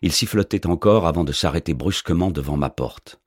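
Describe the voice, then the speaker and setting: Male narrator, low rough voice, dry deadpan storytelling, close-miked dry studio sound. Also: no room sound. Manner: dry, wry, unhurried storytelling. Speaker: audiobook narrator. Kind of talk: first-person novel narration.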